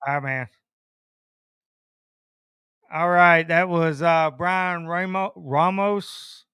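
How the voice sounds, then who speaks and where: Southern man hosting a podcast, relaxed and rambling, smooth clear voice, dry close mic. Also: fairly high pitch, very slow, no echo. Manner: laid-back, rambling with many fillers. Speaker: podcast host. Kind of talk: casual chat.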